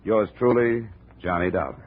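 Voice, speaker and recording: On a tinny vintage radio recording, a man with a lowish voice and moderate pace plays a hardboiled insurance investigator. He narrates and acts in this 1950s radio drama with a dry, clipped delivery.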